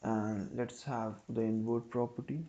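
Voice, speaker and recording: A man's voice: mid-range voice, fairly even intonation, dark tone, lo-fi sound, a little hiss or hum. A man hosting a coding tutorial, thinking aloud as he types out code step by step. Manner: slow, thinking aloud while typing code.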